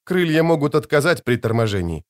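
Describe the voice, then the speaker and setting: A man reading an audiobook, voicing a calm, resolute noblewoman who is the mother of a teenage son, in a quiet, measured, inward way. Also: fairly high pitch, no echo, clean studio sound. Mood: advising.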